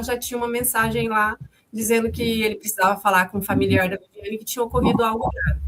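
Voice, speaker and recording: A woman in her fifties tells what happened in a halting testimony. She repeats and restarts her words often. Her voice sits at a middle pitch, with a faint hiss in the background. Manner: calls her own way of speaking harsh and loud. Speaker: mother of the victim, interviewee. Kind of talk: emotional testimony recounting events.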